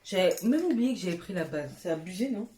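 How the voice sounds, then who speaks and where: At home with her cat nearby, a woman beauty vlogger does a casual haul chat in a fairly low, sing-song, warm voice at a quick pace. She gushes with exclamations and casual swearing, and the room sounds echoey with faint noise.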